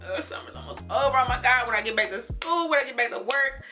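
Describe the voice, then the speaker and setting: Bright, chatty young woman vlogger. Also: a little high, fast talker, faint music behind. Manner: chatty and animated, laughing and doing little quoted voices. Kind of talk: casual try-on haul and storytime.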